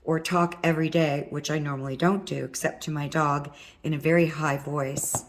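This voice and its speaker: A woman with a low, worn-out, hoarse voice walks through a hands-on wire craft lesson. She is middle-aged and husky, and she talks casually while she works. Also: level tone, moderate pace. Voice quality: husky from vocal cord nodules. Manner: chatty, talks while working with her hands. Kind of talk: step-by-step craft tutorial.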